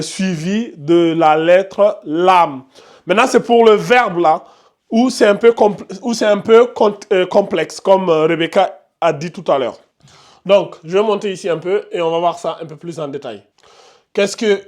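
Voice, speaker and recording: A man with a high voice teaches a relaxed online lesson, speaking patiently and going over each term more than once. He keeps checking in with his students to make sure they follow. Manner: patient, repeats terms, asks "vous voyez?" often. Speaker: Quran recitation teacher. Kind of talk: live online tajwid lesson.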